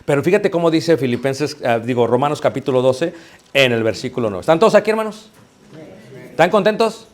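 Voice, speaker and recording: A man's voice: mid-range voice, expressive, a little fast. A man preaching a sermon in a conversational way, firing rhetorical questions at the congregation and calling them brothers. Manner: repeatedly addresses listeners as brothers.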